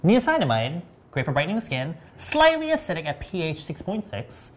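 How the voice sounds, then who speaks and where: This thirty-something makeup artist has a voice on the high side with huge pitch swings and a brisk delivery. Hosting a beauty livestream in a bright studio, he chats and teases in a casual way.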